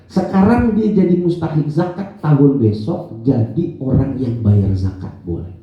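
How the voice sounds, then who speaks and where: A man's voice: a little high, unhurried. A man giving an informal religious lesson in an office prayer room, chatty and storytelling, often quizzing his listeners. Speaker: religious teacher. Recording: echoey, dull lo-fi room sound.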